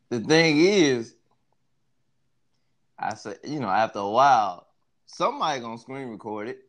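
A man's voice: medium pitch, lively intonation, measured pace, long pauses. Young man in laid-back, joking bro talk. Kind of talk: casual joking chat.

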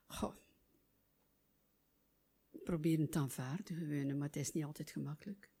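A woman's voice: low-pitched, normal speed, warm tone, slightly rough. A woman in the congregation answering the preacher's questions, hesitant and searching for words. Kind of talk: answering questions in a church setting.

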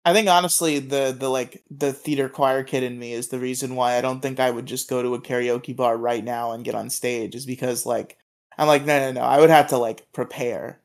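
A man's voice: medium pitch, flat delivery, a little fast. A man co-hosting a podcast, telling long rambling stories in casual chat and stammering often. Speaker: podcast co-host.

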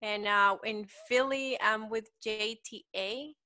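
A woman's voice: medium pitch, steady tone, takes it slowly, bright, forceful tone, dry recording. A woman in her twenties from El Salvador with a Salvadoran Spanish accent, chatting casually as an interview guest and saying "like" a lot. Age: 20s. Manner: chatty, uses "like" often. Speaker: guest, petite model.

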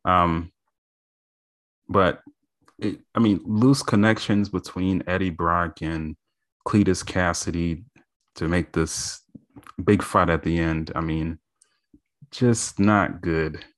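A man's voice: deep voice, fairly even intonation, takes it slowly, pauses often, a bit bright, dry recording. A man in a casual chat giving blunt opinions about a film, often stammering before his point. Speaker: movie review co-host.

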